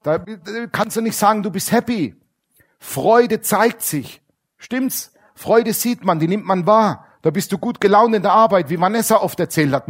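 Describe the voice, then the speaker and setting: A man preaching a lively, colloquial sermon, switching between loud emphasis and quiet asides. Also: high-pitched.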